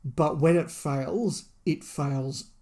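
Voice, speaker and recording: A podcast co-host reviews a book, partly reading out a plot summary and sharing his take on the story. His voice is a little high and a little mellow, and he draws out his words.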